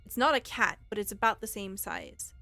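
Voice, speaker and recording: A woman's voice: mid-range voice, lively intonation, normal speed, sharp tone, no room sound, faint music behind. A woman narrating a tabletop roleplaying game as game master, with descriptive, suspenseful storytelling.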